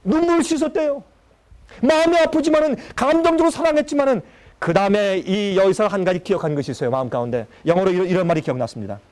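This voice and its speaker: A man's voice: sits high, fast. A man preaching, telling a story and acting out its people in quoted speech. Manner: animated, acts out the people in his story. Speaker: pastor. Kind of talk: sermon storytelling.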